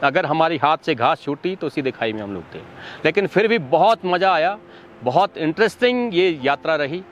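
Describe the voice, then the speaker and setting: A young man narrating his mountain trek outdoors on a high ridge, pointing things out to viewers. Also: very animated, normal speed, lo-fi sound, a little hiss or hum. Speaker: trekking vlogger.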